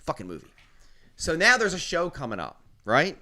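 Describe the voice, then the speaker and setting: Male podcast host, bright lively voice, swears freely, acts out every quote. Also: fairly high pitch, moderate pace. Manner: profane, animated, acts out quotes loudly. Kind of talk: casual storytelling chat.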